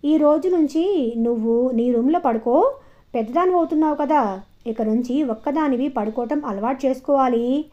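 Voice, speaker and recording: A woman's voice: high voice, normal speed, dark tone, natural voice. A woman storyteller voicing a middle-aged widowed father who talks earnestly and a little sheepishly, in a dull, lo-fi recording. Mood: coaxing.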